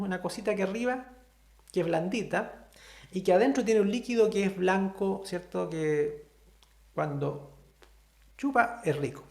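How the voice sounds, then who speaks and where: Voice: medium pitch, creaky, a little mellow. Patient teacher in a roomy space. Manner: patient, explanatory, often checks in with "¿cierto?". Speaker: sign language teacher. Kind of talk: online class explanation.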